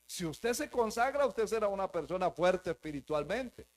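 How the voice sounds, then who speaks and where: A man's voice: high voice, expressive, moderate pace. A man preaching a sermon to his congregation as pastor, emphatic and repetitive, calling them brothers. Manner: emphatic, repeats phrases, addresses the congregation as brothers. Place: church, before a live congregation.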